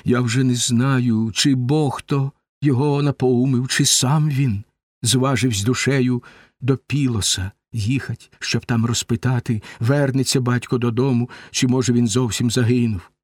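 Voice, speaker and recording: Man as a cautious herald, earnest and slow, dry audiobook sound. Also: mid-range voice, steady tone, a little mellow, no echo, lightly acted. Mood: worried. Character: sensible male herald, worried and cautious.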